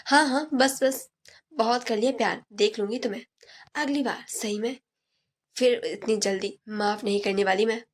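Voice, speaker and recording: A hot-tempered young fiancée, voiced by a woman storyteller in a spoken romance story. She scolds in sarcastic bursts, her voice a little husky and set fairly high. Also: normal speed, close to an everyday voice. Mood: angry sarcastic.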